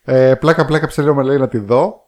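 A man's voice: mid-range voice, a little mellow. A man co-hosting a podcast, chatting casually and reading out listener messages with frequent fillers. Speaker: podcast co-host.

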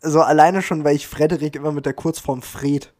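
A young man chats casually as a podcast co-host, his voice sitting a touch higher than most men's. He is laid-back and joking and sprinkles English slang into his talk. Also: fairly even intonation, a little fast, darkish tone. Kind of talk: casual chat.

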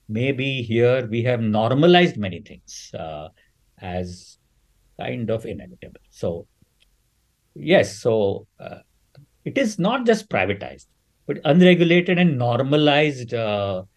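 A man's voice: medium pitch, a little mellow, low-quality recording. A middle-aged man, a surgeon being interviewed, explaining in an earnest, emphatic way. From India. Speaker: surgeon and guest. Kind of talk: podcast interview.

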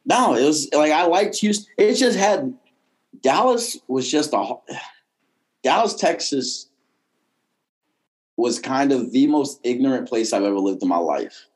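Man, mild Boston accent, casual conversation, blunt, profane, rambling delivery, mid-pitched voice. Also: expressive, measured pace, pauses often. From Boston, United States. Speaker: podcast guest, comedian and former bike messenger.

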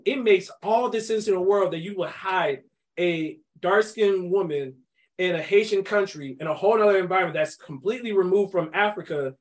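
A young man hosting a casual podcast about a movie, talking in an animated, emphatic way and laughing often. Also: high voice. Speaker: podcast host.

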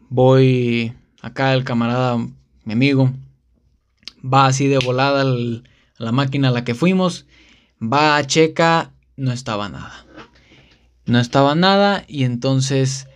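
A man with a Mexican accent tells a story on his podcast in a loose, slangy way. He rambles and keeps chaining one event onto the next with the same linking words. His pitch sits in an ordinary middle range. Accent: Mexican Spanish. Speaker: podcast host. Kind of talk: casual storytelling.

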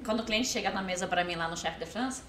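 A woman from Brazil chatting casually, telling lively stories, acting out quoted dialogue and laughing often. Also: medium pitch, quick pace, slight background noise. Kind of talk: casual chat.

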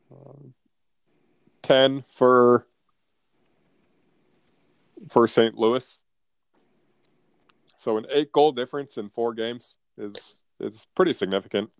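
A man's voice: medium pitch, steady tone, very slow, creaky, long pauses, smooth, no echo. A North American man in casual sports chat as a podcast co-host, blunt and profane with frat-bro banter.

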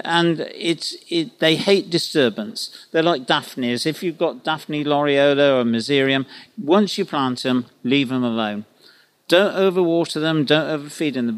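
A man giving unscripted advice as an expert panellist, opinionated and wandering off into anecdotes. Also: a little high.

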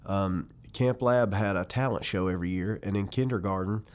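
A man's voice: sits low, normal speed, a little mellow. A man in his forties from Western North Carolina with a Southern Appalachian accent, reminiscing casually in an interview as a musician guest. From Western North Carolina, United States. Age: 40s.

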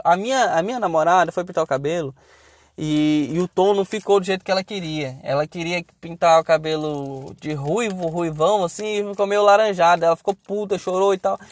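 A man's voice: sits high, no echo. A young man speaking in a casual monologue, blunt and profane, rambling and repeating himself.

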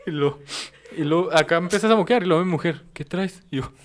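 A young man with a Mexican Spanish accent telling a story in casual podcast chat, animated and slangy, laughing as he goes. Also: a little high, brisk, a little hiss or hum.

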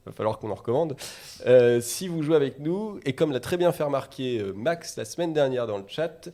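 A man's voice: mid-range voice, expressive, normal speed, warm tone. A man hosting a casual chat about a film, laughing easily and teasing his co-hosts. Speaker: show host.

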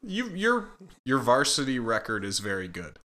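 A man's voice: medium pitch, huge pitch swings, moderate pace, bright, forceful tone. A man from Michigan, a football line coach, co-hosting a casual podcast and explaining his coaching rules in an earnest, instructive way.

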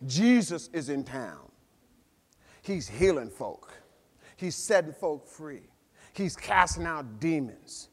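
A man preaching a sermon as pastor, telling the story with animated swings from loud to hushed. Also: on the high side, takes it slowly, long pauses, breathy edge. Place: church hall. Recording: long reverb of a large hall.

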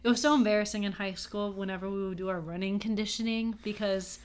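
Speaking fast in a smooth, mid-range voice with a steady tone, she's a young woman from Texas, USA, co-hosting a laid-back podcast chat. Her manner is upbeat and talkative, full of self-mocking jokes and frequent laughter.

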